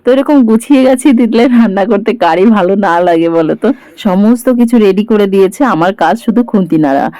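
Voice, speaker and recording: A woman's voice: mid-range voice, animated, fairly quick, mellow, dry recording. A woman talks through her day in a casual home vlog. She is homely and chatty and speaks to viewers as if they were friends. She is recorded in her home kitchen. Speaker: vlogger.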